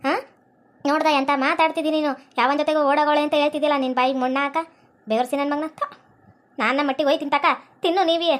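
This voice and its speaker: A woman playing a meddling, deaf old village woman in a comic family skit, with a North Karnataka Kannada accent and a shrill, nagging, melodramatic way of talking. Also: steady tone, racing, close to an everyday voice. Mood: indignant.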